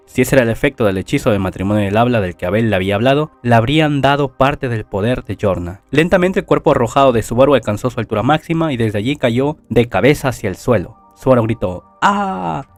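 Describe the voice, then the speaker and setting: A man's voice: mid-range voice, darkish tone, dry recording. A man recapping a novel's plot in a casual spoken way, adding asides and correcting himself as he goes. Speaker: channel host summarizing a novel.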